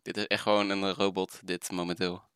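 Smooth low man, dry sound. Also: flat delivery, a little fast, fairly bright tone, no echo. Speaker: podcast co-host. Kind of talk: casual chat.

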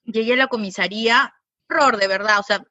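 A woman, a podcast guest telling stories in casual chat, animated and laughing often. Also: a little high, fairly quick, no echo. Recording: dry, dull lo-fi recording.

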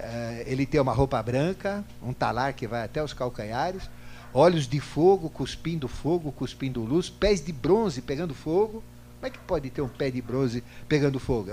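Animated older man lecturing a class. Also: medium pitch. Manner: animated, asks rhetorical questions and tags "né?"; acts out both sides of a past argument. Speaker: spiritual teacher. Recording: faint hum, digitized from CD.

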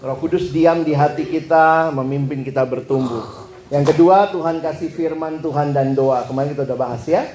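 A man's voice: on the high side, moderate pace, darkish tone. A man preaching a humorous youth sermon, chatty, joking and acting out quoted voices. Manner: jokey, acts out quoted voices, chatty asides. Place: church hall with audience.

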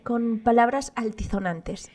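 A woman's voice: fairly high pitch, measured pace, a little mellow. A young woman from the Mexico City area with a Mexico City accent, chatting casually and joking as a co-host. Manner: playful, jokey. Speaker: podcast co-host. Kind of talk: casual chat.

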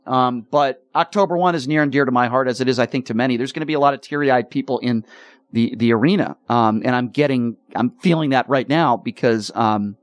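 A man hosting a sports talk radio show, talking in an earnest, halting way with repeated words, choked up with emotion. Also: mid-range voice, no room sound.

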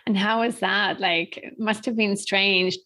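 A woman's voice: mid-range voice, steady tone, unhurried, sharp tone. A woman co-hosting a podcast, chatting casually and asking questions in a friendly way, laughing often. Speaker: podcast co-host. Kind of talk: casual interview chat.

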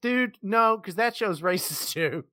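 A young male podcast co-host with a bright, lively voice that swings up and down in pitch. He talks casually, swears freely and is quick to joke. The sound is dry and close. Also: dry recording. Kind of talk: casual profane chat.

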